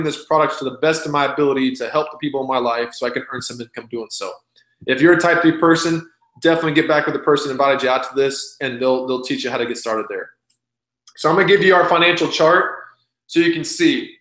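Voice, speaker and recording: A man in his thirties giving a recorded webinar pitch, blunt and folksy, urging listeners to go for it. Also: fairly bright tone, echoey room. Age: 30s. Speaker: presenter.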